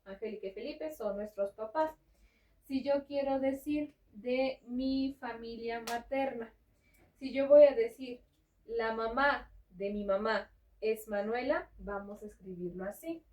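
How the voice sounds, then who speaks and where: A woman's voice: a little high, a little slow, darkish tone, a little hiss or hum. A woman giving a patient, step-by-step home lesson in French, often checking in with the learner. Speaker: informal French tutor. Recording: roomy sound, far from the mic.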